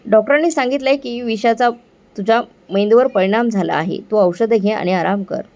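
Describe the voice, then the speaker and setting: An exasperated young husband speaks firmly, half pleading, voiced by a woman narrator in her own storybook voice. His tone is steady and insistent. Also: a little high, brisk, close to an everyday voice. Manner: firm, pleading.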